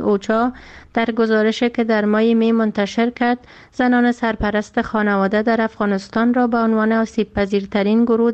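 Afghan dari lady reading the news, flat even delivery, clear smooth voice, slightly muffled recording. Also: fairly high pitch. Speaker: radio news reporter. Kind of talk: read news report. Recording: slightly dull lo-fi sound.

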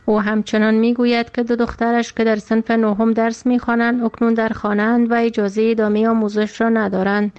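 Steady Afghan Dari woman news reporter. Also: fairly high pitch, clear, resonant tone. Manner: even, measured delivery. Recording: slightly dull lo-fi sound.

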